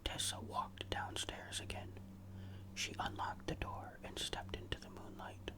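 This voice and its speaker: A storyteller reading a ghost story in a hushed, suspenseful whisper, deliberate and fully unvoiced, in an ASMR style. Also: rough recording.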